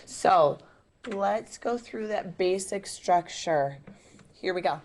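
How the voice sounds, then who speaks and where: A woman giving a classroom lecture in a chatty, relaxed way, asking the students questions as she goes. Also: medium pitch, slow pace.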